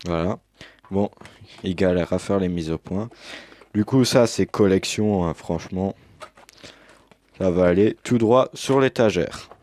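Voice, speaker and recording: A young YouTuber unboxes a game edition, commenting casually but hesitantly with lots of fillers, recorded on a headset mic. His low voice is a little slow and a little mellow, with frequent pauses, in a dry recording.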